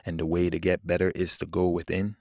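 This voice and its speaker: A man leading a guided meditation in a soothing, unhurried manner with long pauses between phrases. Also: low voice, level tone, no room sound, studio quality. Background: soft plucked guitar music.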